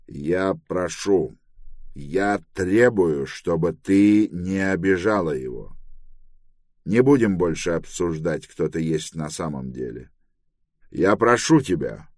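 A man reading the part of a stubborn, earnest grown man in an audiobook, insistent and deliberate. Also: low voice, darkish tone, no echo, clean studio sound.

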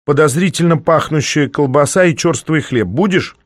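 A man's voice: on the high side, normal speed, no room sound, clean studio sound, voice pushed up, natural voice. A man reading a novel aloud, voicing a nineteen-year-old female student who answers in curt, sulky, defensive retorts.

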